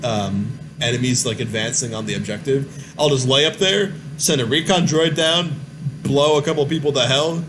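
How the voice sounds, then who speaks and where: A young man talks casually about video games at an average pitch, rambling along with lots of fillers and false starts. A steady noise sits clearly behind his voice on a home recording. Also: moderate pace. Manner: rambling, many fillers and restarts. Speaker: podcast host. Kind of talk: casual gaming chat.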